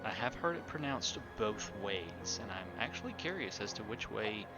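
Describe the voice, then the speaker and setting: A man's voice: on the low side, moderate pace, loud music behind the voice. A man streaming a building game live, chatting casually to himself and his viewers as he builds. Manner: relaxed, talks to himself while building, chats with viewers.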